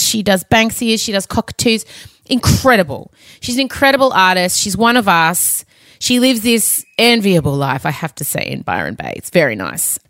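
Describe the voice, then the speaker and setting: An Australian woman chats casually as the host of her own podcast. She is candid and cheeky, effusive in her talk, with a mid-pitched voice recorded close and very dry at home. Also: a bit bright, no echo. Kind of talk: casual solo podcast chat.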